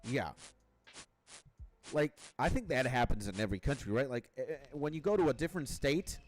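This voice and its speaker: A man's voice: mid-range voice, animated, a little fast. A young man from Venezuela with a Venezuelan accent, chatting loosely and rambling while he streams a game. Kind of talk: casual chat while gaming. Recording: game music playing behind. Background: clear background music.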